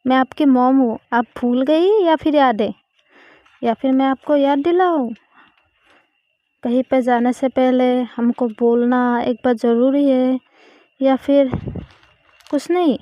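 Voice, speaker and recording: A woman playing a loud scolding Indian mother. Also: high-pitched, steady tone, a little slow, pauses often, no echo, dull audio. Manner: loud, nagging, sarcastic scolding. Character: scolding middle-aged Indian mother, stern but loving.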